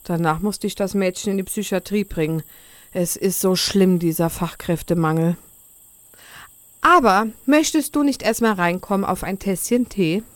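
A woman's voice: mid-range voice, normal speed, dry recording, lightly acted. A woman voicing Frau Holle, a chatty, gossipy ancient housewife, in a comic radio play.

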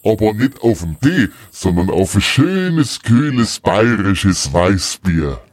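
A man's voice: on the low side, very animated, slow, dry recording, studio quality, exaggerated voice. A man voicing a jovial, beer-loving Father Christmas, hearty and folksy.

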